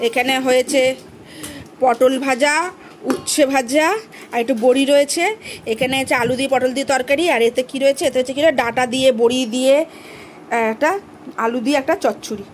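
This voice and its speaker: A woman's voice: sits high, fairly even intonation, a little fast, pauses often, a little hiss or hum, low-quality recording. A woman vlogging her day as a mother, talking straight to her viewers in a chatty, casual way. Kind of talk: casual daily vlog narration. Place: outdoors on the street, then at home.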